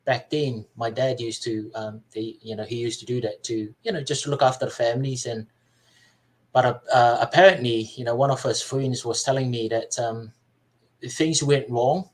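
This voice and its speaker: A soft-spoken man from Samoa, a podcast guest, tells his personal story. His voice sits at a middle pitch, and he talks in a halting way, restarting his sentences often. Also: rough recording. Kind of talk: personal life story in casual chat.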